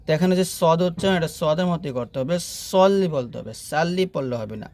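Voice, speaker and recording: A man teaching a prayer letter by letter, chanting each phrase slowly and stretching the sounds, then explaining pronunciation in quick asides. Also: fairly high pitch, expressive, vocal fry, a little mellow, no echo. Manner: slow, drawn-out chanting of the prayer, with quick spoken explanations between. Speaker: Quran recitation teacher. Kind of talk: spelled-out recitation lesson.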